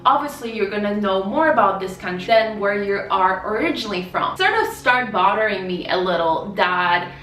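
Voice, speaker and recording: A woman's voice: medium pitch, lively intonation, moderate pace, hardly any pauses, a bit bright. A woman in her twenties from Poland, chatting casually to camera as a vlogger and correcting herself as she goes. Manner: chatty, recounting with fillers and self-corrections. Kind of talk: casual vlog talk to camera. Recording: roomy echo, mic at a distance.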